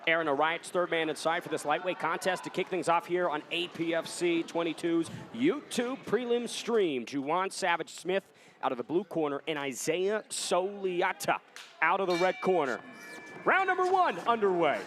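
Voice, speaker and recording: A man's voice: a little high, animated, normal speed, a crowd in the background. A man giving polished live play-by-play commentary on a cage fight broadcast.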